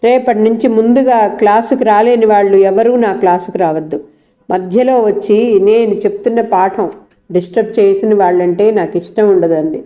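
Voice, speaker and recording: A woman's voice: on the high side, fairly even intonation, moderate pace, dull audio, lightly acted. A woman voicing a proud young female lecturer who speaks firmly and curtly, read from a storybook. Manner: firm, curt.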